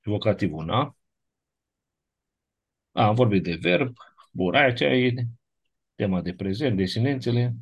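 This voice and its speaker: Man, teacher, classroom lecture, methodical, slightly low pitch, faint clicking behind. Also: animated, pauses often, slightly rough. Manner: methodical, checks with short tag questions. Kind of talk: classroom lecture reviewing grammar.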